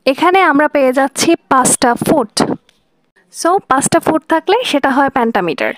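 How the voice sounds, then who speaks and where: A woman teaching a lesson, patiently explaining step by step and slowing down to sound out examples. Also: high-pitched, expressive, dry recording. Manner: patient, repeating and spelling out examples slowly.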